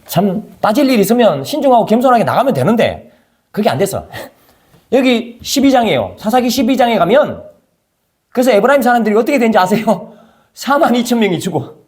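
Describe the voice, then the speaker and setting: A man's voice: high-pitched, very animated, a little fast, darkish tone. A male pastor preaching a conversational sermon, firing rhetorical questions at his congregation.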